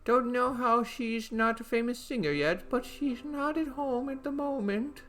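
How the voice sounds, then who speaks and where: A man's voice: extremely high pitch, a little slow, sharp tone, voice pushed up, full character voice. A man voicing a chatty, fussing elderly housewife in a game. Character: fussy elderly housewife, hospitable.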